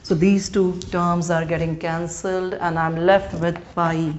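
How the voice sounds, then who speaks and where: Slow, deliberate Indian woman teaching maths. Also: on the low side, little pitch movement, a little mellow. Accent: Indian English. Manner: slow and deliberate, reading out each step; asks the students check questions. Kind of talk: classroom lesson mixing Hindi and English. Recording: dull lo-fi recording with faint noise.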